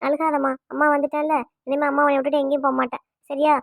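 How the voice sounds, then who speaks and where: A woman's voice: high-pitched, little pitch movement, fast, vocal fry, no room sound, voice pushed down. A woman voicing a middle-aged mother who tearfully soothes her daughter and begs her forgiveness, in an amateur family drama. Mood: tearful soothing. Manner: soothing, pleading.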